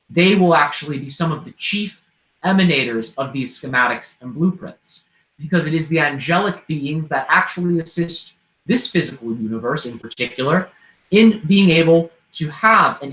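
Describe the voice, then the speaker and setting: A man channeling an inquisitive, open-hearted otherworldly being like a seance medium, speaking in formal, measured, abstract sentences. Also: fairly high pitch, fairly bright tone. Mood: solemn, explanatory. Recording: roomy, echoing sound.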